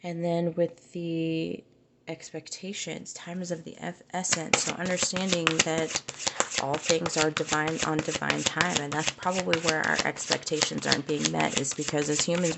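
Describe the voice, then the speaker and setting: Low-voiced female tarot reader, gravelly, loose and musing delivery. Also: heavy background noise. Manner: musing, conversational, trails off and restarts. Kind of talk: casual tarot reading.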